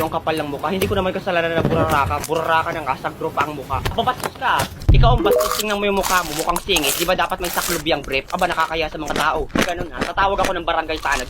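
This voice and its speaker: Speaking quickly in a lowish voice, a woman rattles off a one-person comedy skit, switching between squabbling characters who trade insults with sharp, sassy tongues. A clear hiss of noise runs beneath her throughout.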